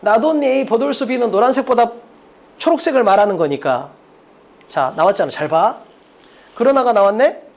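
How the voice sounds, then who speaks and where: At a board in a lecture room, an English exam-prep teacher walks students through a mock test, firing rhetorical questions and drilling points with emphasis. The voice is medium-pitched, animated, creaky and darkish, at normal speed with long pauses.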